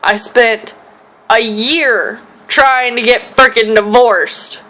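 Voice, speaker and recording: A woman's voice: fairly high pitch, slow pace. A young woman telling a frustrated story about a customer on her vlog. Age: young adult. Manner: frustrated, animated retelling with quoted voices. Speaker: vlogger.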